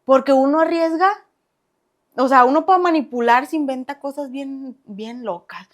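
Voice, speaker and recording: A young woman with a Mexican Spanish accent recounts her past in a relaxed podcast chat. Her voice sits a little high, and she talks in a lively, animated way, acting out what others said and laughing along the way. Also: normal speed. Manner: animated, acts out past dialogue, laughs often. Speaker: podcast guest. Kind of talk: casual storytelling interview.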